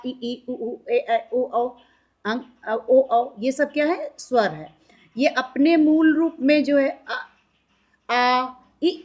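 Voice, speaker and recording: A woman teacher giving a classroom grammar lesson, drawing out each vowel sound and asking questions she answers herself. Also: high voice. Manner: slow, drawn-out demonstration of vowel sounds, asks questions and answers them herself.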